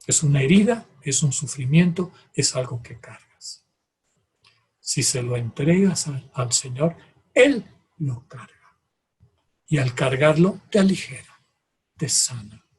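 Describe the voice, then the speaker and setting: A man teaches on prayer at an unhurried pace, his voice very breathy and soft. He talks straight to his listeners in calm, measured phrases. His pitch sits in an ordinary middle register. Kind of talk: contemplative spiritual talk.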